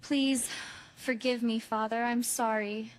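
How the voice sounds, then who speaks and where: A woman's voice: on the high side, steady tone, slow pace. A woman's voice playing a young princess in AI-generated film dialogue, apologetic and begging forgiveness like a prayer of repentance. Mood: pleading, sorry. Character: young princess pleading for her father's forgiveness.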